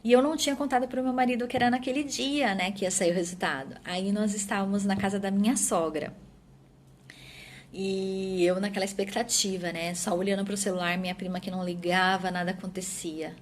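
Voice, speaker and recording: A woman telling her story as a mother in an earnest personal testimony, often tagging her phrases and trailing off softly at their ends. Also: mid-range voice, steady tone, brisk, slight background noise. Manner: earnest, tag questions, drops softer at phrase ends. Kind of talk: personal testimony answering questions.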